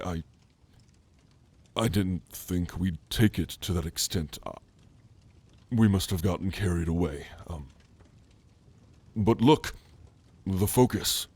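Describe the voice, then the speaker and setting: A man gives a full character voice as a gentle, scholarly orc mage in ASMR roleplay, soft, earnest and halting as he speaks intimately to the listener. His voice sits low and husky, and the mood is bashful and earnest.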